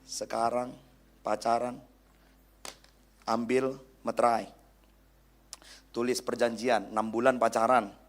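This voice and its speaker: A man's voice: mid-range voice, flat delivery, slow, pauses often. A young man with a Medan Indonesian accent preaching a humorous youth sermon in a church hall, joking with the crowd and mimicking people.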